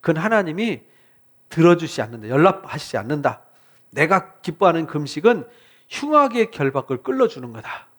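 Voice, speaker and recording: In a high, lively voice and at normal speed, a pastor from South Korea preaches an expository sermon with fervor. He fires questions at the audience and dramatizes the words of the people in his account.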